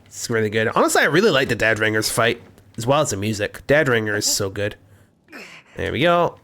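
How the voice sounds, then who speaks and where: A man's voice: lowish voice, sing-song, brisk, fairly bright tone. Chatty young man streaming a game. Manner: rambling, chatty, talks to the game and chat. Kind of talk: casual gameplay commentary.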